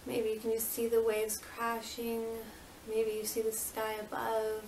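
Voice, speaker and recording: Woman, meditation instructor, even higher-pitched voice, soothing and unhurried, roomy recording. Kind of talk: guided meditation. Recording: roomy, distant mic with faint noise.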